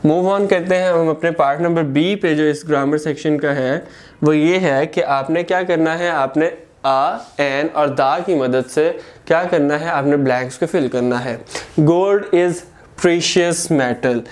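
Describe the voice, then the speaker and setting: Man, Pakistani Urdu accent, grammar lesson, unhurried, spells out sentences word by word. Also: fairly high pitch, steady tone. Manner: slow, dictating sentences word by word. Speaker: teacher.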